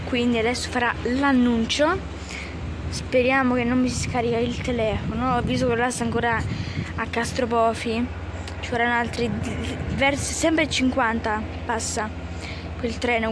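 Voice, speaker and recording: A woman giving casual, halting vlog commentary on a phone at an outdoor railway station, often trailing off. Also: on the high side, background noise. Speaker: train-spotting vlogger. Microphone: handheld phone, speaker off camera.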